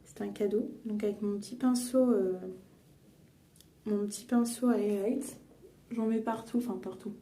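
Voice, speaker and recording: A woman's voice: mid-range voice, steady tone, moderate pace, long pauses, dark tone. Chatty young woman in an echoey room. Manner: chatty, rambling, many fillers and self-corrections. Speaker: beauty and books vlogger. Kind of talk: casual chat while doing makeup. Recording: echoey room, a bit far from mic, faint noise.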